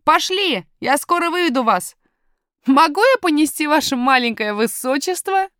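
A woman's voice: high-pitched, animated, moderate pace, a bit bright, dry recording, studio quality, voice pushed up. A woman reading a storybook, voicing a bold, earnest young miner boy in a firm, matter-of-fact way. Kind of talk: audiobook character voice.

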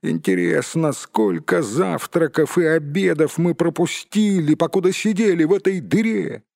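Audiobook hobbit: small grumbling male creature, pitched up and husky, as a male reader puts it on. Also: normal speed, darkish tone. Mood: exasperated. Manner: high complaining exclamations.

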